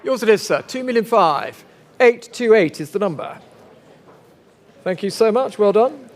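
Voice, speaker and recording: A man's voice: high voice, lively intonation, unhurried. A man working as an auctioneer, calling and repeating bids in a polite, formal way as he coaxes bidders. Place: large auction sale room.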